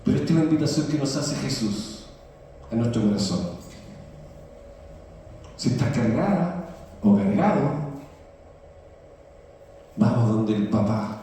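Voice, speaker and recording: Male pastor, slow deliberate delivery, mellow tone, recorded from far off in a reverberant church hall. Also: medium pitch, lively intonation, a little hiss or hum. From Chile. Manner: asks the congregation for responses. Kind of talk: sermon.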